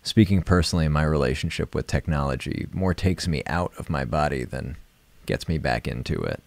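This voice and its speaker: On a live stream, a man guides a meditation and chats casually, gentle, unhurried and reflective. His voice is a rumbling, gravelly low with no echo.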